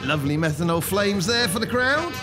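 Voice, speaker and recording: A man commentating as a tractor pull announcer, with loud engine noise behind him. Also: sits high, sing-song, fairly quick, over music.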